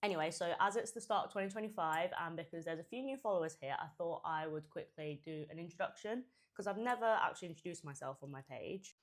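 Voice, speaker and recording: Young woman, low register. Informal mukbang chat, talking between and through mouthfuls, chewing. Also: fast. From Hampshire, England and Japan. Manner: chewing and eating while talking, mouth sometimes full; chatty, informal. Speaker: food content creator. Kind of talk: casual mukbang chat to followers.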